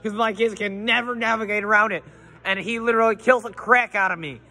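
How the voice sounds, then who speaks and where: A man's voice: high voice, steady tone, a little fast, sharp tone. A teenage boy vlogging with a phone at arm's length in an outdoor school walkway, rambling playfully in a mock-grumpy improvised role. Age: teens. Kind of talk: goofy improvised role-play. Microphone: phone held at arm's length.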